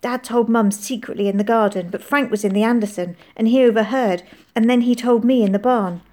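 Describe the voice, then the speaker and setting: A woman voicing an anxious young girl who is impatient at first and easily upset, speaking in a high, urgent way. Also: a little fast, warm tone, close to an everyday voice. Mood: tearful.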